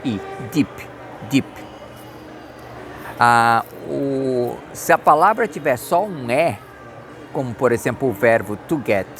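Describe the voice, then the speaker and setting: A middle-aged man with a Brazilian Portuguese accent gives a casual spoken lesson, repeating and spelling out words slowly. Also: medium pitch. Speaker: English tips vlogger. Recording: noisy outdoor street recording.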